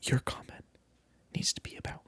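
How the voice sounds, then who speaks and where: At a moderate pace, an ASMR video maker whispers a close-mic monologue that sounds bright and forceful, with no room sound. They keep needling the viewer in a mock-indignant, repetitive way.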